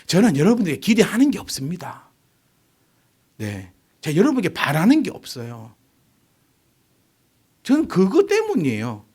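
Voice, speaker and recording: Forties male pastor, sermon delivery, rhetorical questions, voice swinging wildly high and low. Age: 40s. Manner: animated, fires rhetorical questions at the congregation.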